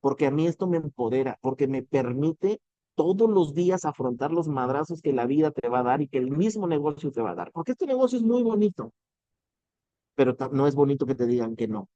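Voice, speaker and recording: A man's voice: on the high side, animated, a little fast, warm tone, dry recording, lo-fi sound. A man with a Mexican accent giving an earnest motivational talk, addressing the listener directly and swearing casually. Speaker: motivational business speaker.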